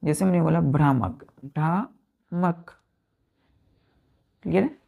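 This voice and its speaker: A woman's voice: fairly low pitch, unhurried, creaky, dark tone, muffled recording. A woman teacher giving an exam-prep vocabulary lesson, spelling words letter by letter and often checking that students follow.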